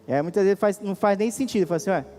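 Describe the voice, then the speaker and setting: High-voiced Brazilian pastor preaching. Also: male voice, very fast, mellow, in a large hall. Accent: Brazilian Portuguese. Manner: preaching with sudden rises and drops, questioning the congregation. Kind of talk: sermon. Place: church.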